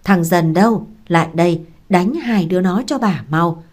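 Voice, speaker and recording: Stern old mother of the house voiced by a woman, commanding, scolding, low-pitched audiobook reading. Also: normal speed, a little mellow, close to an everyday voice. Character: stern elderly matriarch, strict and quick-tempered.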